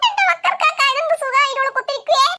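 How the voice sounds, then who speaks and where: A woman's voice: extremely high pitch, loud music behind the voice, pitched above the performer's own voice. A woman doing a chatty, naive old village woman. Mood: chatty, indignant. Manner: talkative, indignant, fast bursts. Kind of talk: cartoon voice acting.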